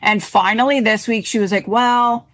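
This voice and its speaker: A woman's voice: medium pitch, moderate pace, a bit bright. A woman co-hosting a podcast, talking directly and repetitively about coaching clients. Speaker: podcast co-host, health coach. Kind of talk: casual podcast chat.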